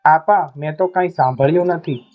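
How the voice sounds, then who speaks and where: A man's voice: fairly high pitch, normal speed, dull audio, soft background music, close to an everyday voice. A man voicing a half-deaf male cart driver who grumbles and complains. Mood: grumbling.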